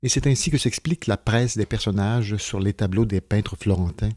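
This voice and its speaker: A man with a low, dark voice reads a literary tale in a measured, expressive way. The sound is close and dry, with faint music underneath. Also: no room sound. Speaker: reader. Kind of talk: literary audiobook reading.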